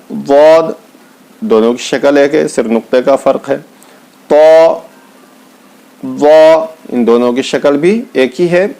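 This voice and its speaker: A man teaching Quran letter reading. He calls out each Arabic letter slowly and then explains patiently, with speech. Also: medium pitch, gravelly, dark tone. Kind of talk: slow step-by-step lesson.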